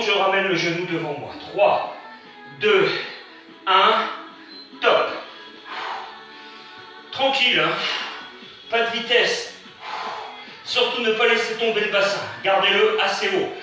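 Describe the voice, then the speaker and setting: A man's voice: high-pitched, moderate pace, long pauses, pushed and bright. A man leading a workout class as instructor, counting reps and countdowns aloud between short motivating commands. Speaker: fitness instructor. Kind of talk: live workout class with rep counting and cues. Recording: echoey room from far off, music behind.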